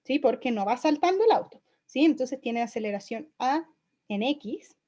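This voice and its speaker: A woman's voice: high-pitched, lively intonation, moderate pace, dark tone. A young woman teaching a recorded physics lesson, explaining step by step and checking in with her students often. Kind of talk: recorded online lecture. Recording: dull, lo-fi lecture audio.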